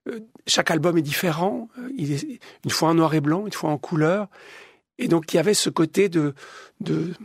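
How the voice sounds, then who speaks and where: A man's voice: fairly high pitch, normal speed, slightly rough, no room sound, clean studio sound. A man from Belgium, a comics author answering interview questions, searching for words with many restarts and repeated words. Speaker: comics artist guest.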